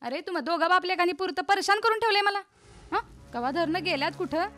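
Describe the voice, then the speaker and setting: A woman's voice: very high-pitched, expressive, fast, fairly bright tone. An actress playing a worried, nagging village mother who frets over money and her son's schooling. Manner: fretful, nagging.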